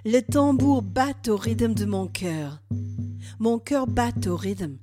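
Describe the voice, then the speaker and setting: Slow, hushed woman narrating a meditative journey. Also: on the high side. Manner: slow, hushed, dropping at times into a whisper. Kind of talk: first-person guided meditative journey. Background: faint music.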